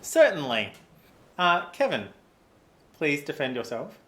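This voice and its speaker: Slow, low-voiced woman moderating a game. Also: very animated, fairly bright tone. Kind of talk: formal, measured game moderation. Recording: echoey room.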